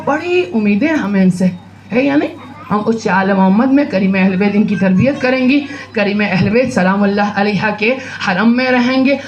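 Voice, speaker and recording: A woman's voice: sits high, fairly bright tone. A woman preacher giving an emphatic sermon to women at a religious gathering, asking rhetorical questions and repeating phrases. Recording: echoey hall with faint noise.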